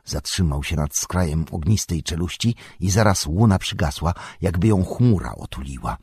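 Male audiobook narrator, deep and husky, measured and dramatic, dry close sound. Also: lively intonation, a little mellow, no echo. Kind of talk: audiobook reading.

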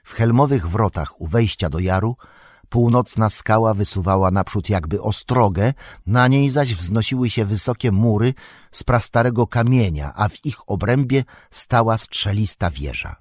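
A man narrating an epic fantasy audiobook in a measured storytelling manner. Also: lowish voice, expressive, dry recording, studio quality. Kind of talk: scripted narration.

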